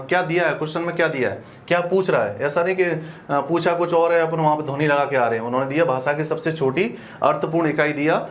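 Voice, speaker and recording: A male teacher giving an exam-prep grammar lesson. He explains step by step in a colloquial way and often stops to ask whether the class is following. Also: on the high side. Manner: explains step by step with frequent check-in questions; colloquial, uses "apan" for "we".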